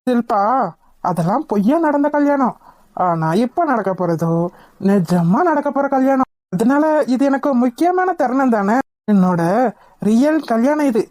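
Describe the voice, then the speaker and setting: A woman's voice: fairly high pitch, animated, normal speed, a little mellow, dry recording, clean studio sound, lightly acted. A woman with a Tamil accent voicing a vain, boastful young groom in a cartoon.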